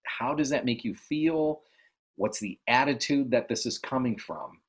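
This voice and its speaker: Husky, earnest male coach. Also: mid-range voice, a little slow. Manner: earnest, encouraging, repeats key phrases. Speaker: life coach. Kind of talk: motivational podcast talk. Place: New York City.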